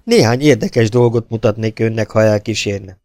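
A man's voice: fairly low pitch, mellow, no echo, clean studio sound, lightly acted. A man playing a cold, courteous baron. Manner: polite but firm, curt, ceremonious. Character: cold, courteous, sinister German baron, middle-aged man. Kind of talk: audiobook character reading.

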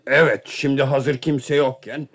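An actor playing a lonely older wealthy man who hosts summer guests, in a radio play, with a calm, dry manner. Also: mid-range voice, a little slow. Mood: coaxing. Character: older wealthy male host, lonely and mocked.

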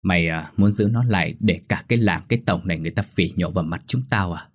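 A man's voice: low-pitched, fast talker. A man voicing an angry middle-aged father who grinds out each word in rage. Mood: furious. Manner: growling each word through anger. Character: stern middle-aged father, furious village official.

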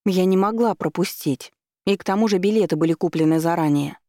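A man voicing a spoiled, hysterical rich young woman who talks in a shrill, indignant way. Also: brisk, mellow, dry recording, studio quality.

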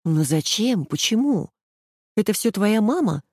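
A woman voicing an emotional, sharp-tongued young woman who speaks in an agitated, reproachful way. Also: medium pitch, sing-song, measured pace, no echo, clean studio sound, voice pushed up.

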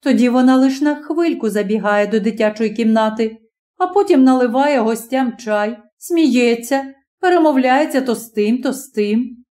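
A woman reading a literary story aloud as an audiobook narrator, with measured pacing and slow, emphatic pauses. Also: a little high, warm tone.

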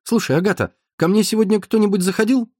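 A man's voice: sits high, quick pace, darkish tone, no room sound, clean studio sound, pitched above the performer's own voice. A man reading an audiobook, voicing an anxious young man who keeps repeating himself. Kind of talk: audiobook narration.

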